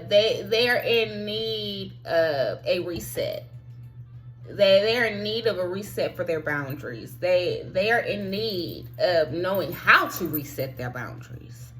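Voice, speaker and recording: A woman's voice: mid-range voice, a bit bright. A woman giving a heartfelt, encouraging motivational monologue as a spiritual life coach, talking straight to her listeners and sometimes dropping to a near whisper. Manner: earnest, encouraging, addresses listeners directly.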